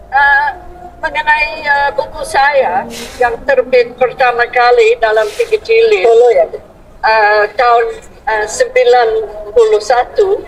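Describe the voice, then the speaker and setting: An older woman with a foreign accent, giving a semi-formal speech as a foreigner speaking stiff, halting Indonesian. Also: sits high, low-quality recording. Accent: foreign, non-Indonesian. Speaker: author and translator speaking at a book discussion. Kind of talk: prepared thank-you speech, semi-formal.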